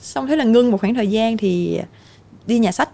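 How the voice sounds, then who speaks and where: A young woman speaks as a podcast guest. Her voice sits a little high, and she talks candidly and chattily, laughing easily. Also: normal speed, vocal fry, warm tone. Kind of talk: casual interview chat.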